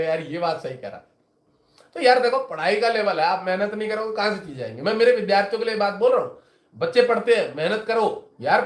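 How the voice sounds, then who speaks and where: A man's voice: high voice, roomy sound. A man, an astrologer and teacher, talking casually to his viewers in a rambling, chatty way and retelling conversations with his students.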